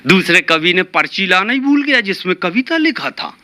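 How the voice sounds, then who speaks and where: A man performing stand-up comedy, telling stories with animated delivery and repeated lines for comic effect. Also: high voice, normal speed.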